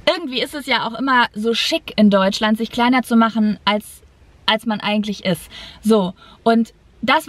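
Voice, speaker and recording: A young adult woman talking candidly and personally to camera in an emphatic, expressive way. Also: fairly high pitch, dry recording. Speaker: vlogger. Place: inside a parked car. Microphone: camera at dashboard distance.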